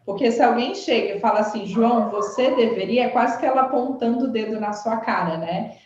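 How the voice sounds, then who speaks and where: Animated woman in a very echoey room. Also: fairly high pitch, a little fast. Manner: animated, frequent "né?" tags. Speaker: communication expert guest. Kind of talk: explanatory conversation. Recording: very echoey dull-sounding room.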